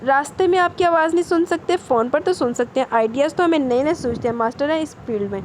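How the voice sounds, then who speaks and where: A woman's voice: high-pitched, darkish tone, slight background noise, close to an everyday voice, poor audio. A woman voicing a brash young gangster man who makes playful, boastful threats. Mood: taunting.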